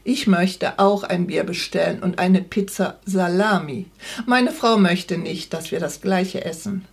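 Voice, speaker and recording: A woman's voice: on the low side, measured pace, gravelly, slightly rough, heavily acted. A woman reading aloud as a stubborn middle-aged husband set in his habits, in a plain, slightly pleading tone. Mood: hurt.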